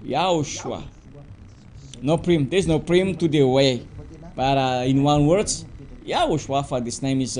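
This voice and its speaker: Male preacher, high-pitched, slow and deliberate, emphatic. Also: a little mellow. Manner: slow and deliberate, spells out words letter by letter, rising to emphatic insistence. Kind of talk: sermon teaching.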